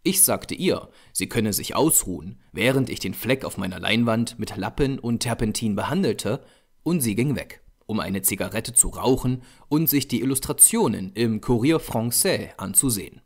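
A man narrating a horror audiobook in a measured, expressive storytelling manner. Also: on the low side.

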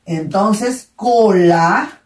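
A woman's voice: mid-range voice, animated, very slow, a little mellow. A woman with a Peruvian Spanish accent, a primary school teacher reviewing a lesson for young pupils, encouraging and praising often. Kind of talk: recorded online class review. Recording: echoey room, mic at a distance.

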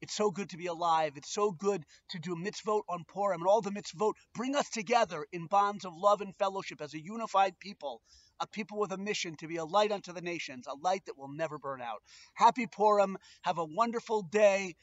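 High-pitched Brooklyn-accented male rabbi. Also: a little fast, muffled recording. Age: middle-aged. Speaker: rabbi and presenter. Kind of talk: informal video talk with religious teaching. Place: outdoors on a back porch.

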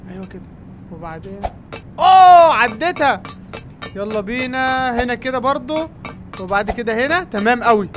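A man with an Egyptian Arabic accent giving excitable let's-play commentary as a gaming YouTuber, crying out at near-misses. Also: extremely high pitch.

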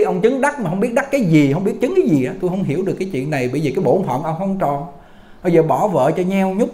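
A Buddhist monk, giving a folksy Dharma talk full of stories and rhetorical questions. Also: male voice, sits high, darkish tone, roomy sound. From Vietnam. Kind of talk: Dharma talk to lay followers.

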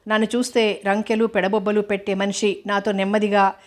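Woman narrator for an audiobook novel: flat, level delivery, even pacing, unhurried storytelling. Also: mid-range voice. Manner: steady, even storytelling read.

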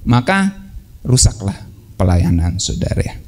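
A man's voice: low voice, sing-song, measured pace, a little mellow. A man preaching a sermon in a casual, joking way, teasing the congregation with playful mock quotes and often calling them brothers and sisters. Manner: addresses listeners as "saudara" often.

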